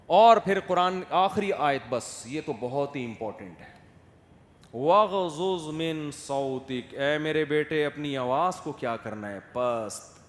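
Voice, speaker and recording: A man giving a sermon, lively, firing rhetorical questions at his listeners and acting out soft and loud voices. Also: on the high side, slight background noise. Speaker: religious scholar giving a sermon. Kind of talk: Urdu sermon. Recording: echoey hall with faint ambience.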